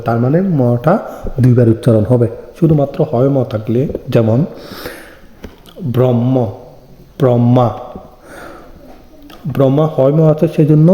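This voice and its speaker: A man's voice: mid-range voice, warm tone. A man teaching an online exam-prep lesson, explaining step by step and answering his own questions. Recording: echoey room with long reverb.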